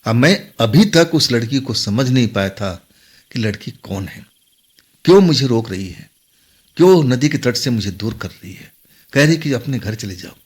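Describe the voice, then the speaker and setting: A man's voice: mid-range voice, lively intonation, normal speed, slightly rough. A man narrating a first-person horror story in a dramatic, suspenseful way. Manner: dramatic, rises and falls with suspense.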